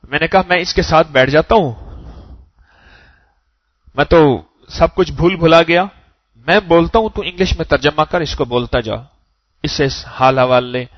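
A man preaching an Urdu sermon with emotive swings between loud emphasis and soft low asides, sometimes reciting verse in a sing-song cadence. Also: pauses often, no echo, dull audio.

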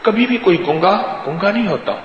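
A man preaching a sermon, telling stories and swinging between loud and hushed. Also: sits high, expressive, highs cut off, a little hiss or hum. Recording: echoey hall.

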